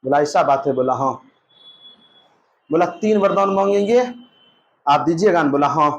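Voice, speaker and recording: High pitched guy teaching a class, tells the story with voices and quick asides. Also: highs cut off, slight background noise. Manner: lively storytelling, acting out dialogue with asides to students. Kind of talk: exam-prep history lesson told as a story.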